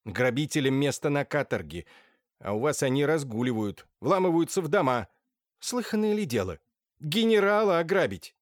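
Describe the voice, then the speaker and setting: A man's voice: mid-range voice, very animated, moderate pace, no room sound, studio quality. A man voicing a blustering, half-blind old general who speaks in indignant, commanding outbursts.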